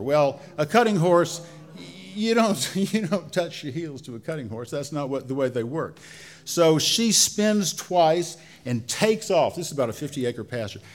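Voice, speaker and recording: A man tells a story live to an audience in a folksy, colloquial way, drawing out his phrases and pausing as he goes. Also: on the high side, a little mellow.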